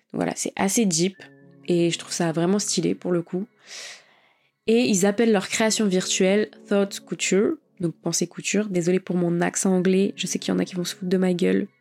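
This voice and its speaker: A woman's voice: mid-range voice, darkish tone. A woman hosting a podcast, talking casually and with slang about digital art. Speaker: podcast host.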